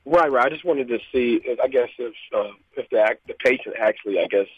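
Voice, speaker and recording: A radio show caller phoning in, a man with a slightly husky voice coming through a tinny phone line. He asks his question politely and hesitantly, breaking off and restarting as he goes. The line is dry, with no room sound. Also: medium pitch, brisk, no room sound. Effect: heard over a phone line on a call-in radio show. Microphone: telephone.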